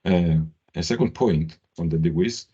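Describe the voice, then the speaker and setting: A man chairing a business meeting over a video call, giving an update in halting sentences that restart often. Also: sits low, mellow, husky. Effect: heard over a video call. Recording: slightly muffled video call audio.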